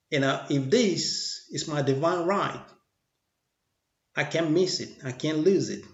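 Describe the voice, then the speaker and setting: Male motivational speaker, fairly high voice, preachy and rambling, roomy lo-fi recording. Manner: rambling, repeats phrases, preachy. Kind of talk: motivational monologue. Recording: echoey room, dull lo-fi sound.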